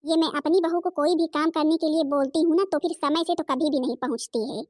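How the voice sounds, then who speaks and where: A woman's voice: high-pitched, fairly even intonation, brisk, a little mellow, no echo, clean studio sound, natural voice. A woman voicing a scheming middle-aged mother in a cartoon, bossy and sly.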